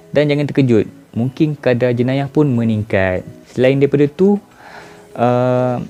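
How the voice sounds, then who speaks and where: A man in his mid-twenties speaks with a Malaysian Malay accent in a relaxed, informal monologue. He puts rhetorical questions straight to his viewers. His voice is dark and mellow, at a middle pitch, with soft music playing faintly underneath. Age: 20s. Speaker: vlogger. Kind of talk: casual reflective monologue to camera.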